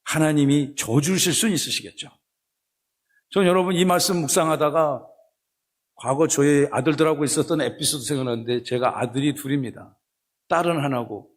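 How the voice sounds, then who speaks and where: A middle-aged man preaching a sermon as pastor in a church, telling stories with lively acted-out voices and folksy touches. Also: on the high side, moderate pace. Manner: animated storytelling, acting out characters in a folksy dialect. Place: church sanctuary.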